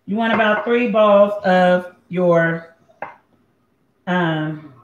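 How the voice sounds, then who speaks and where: A woman's voice: lowish voice, extremely slow, highs cut off. A woman from Puerto Rico hosting a casual cooking demonstration at home, chatting while she cooks and chewing between sentences. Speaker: home cook host. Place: home kitchen. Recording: echoey kitchen with faint ambient noise.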